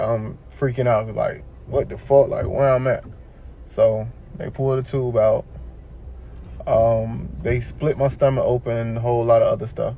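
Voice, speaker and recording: A man's voice: mid-range voice, gravelly, slight background noise. A young man recounts his story in a loose, casual way. He slips into the voices of other people as he quotes them. The clip sounds a little dull and lo-fi. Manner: loose, conversational retelling with quoted dialogue. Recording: slightly dull lo-fi clip audio.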